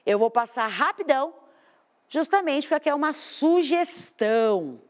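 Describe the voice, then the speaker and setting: A Brazilian woman with a slightly high voice leads a children's lesson from a studio. She talks slowly and with lots of melody, pausing to stretch out the stressed words. Her tone stays patient and explanatory throughout. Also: animated. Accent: Brazilian Portuguese. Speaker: teacher.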